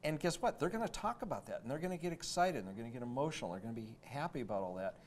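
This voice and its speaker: A man's voice: medium pitch, big pitch swings, racing, slight background noise. A man co-hosting a radio talk show, explaining earnestly and acting out client conversations as he goes. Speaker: co-host.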